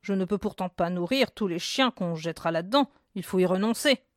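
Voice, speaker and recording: A woman voicing a sour, stingy farm widow in a read-aloud story, with a shrill, indignant tone. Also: expressive, brisk, dry recording, studio quality, close to an everyday voice.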